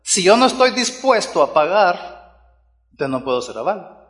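A pastor preaches in a fairly high, light voice. He keeps the sermon conversational and often checks in with the congregation. His voice rings out in a long, reverberant hall. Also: big pitch swings, moderate pace, a bit bright. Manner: conversational preaching with frequent "¿verdad?" asides to the congregation.

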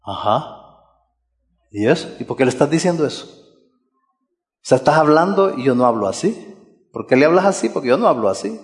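A preacher voicing the Lord as a calm, patient man who asks gentle, searching questions. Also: mid-range voice, normal speed, pauses often, big-room sound, pitched below the performer's own voice, lightly acted. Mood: questioning.

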